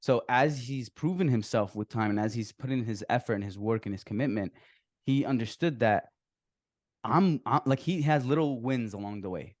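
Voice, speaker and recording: A young man co-hosting a podcast, chatting casually and reacting quickly with jokes. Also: medium pitch, a little mellow, dry recording, clean studio sound. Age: young adult. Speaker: podcast co-host. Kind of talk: casual chat.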